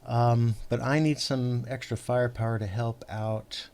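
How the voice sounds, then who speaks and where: A man hosting a tabletop game session, patiently explaining the rules to his opponent in a halting, rambling way full of fillers and restarts. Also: mid-range voice, fairly even intonation, darkish tone. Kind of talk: casual tabletop game chat.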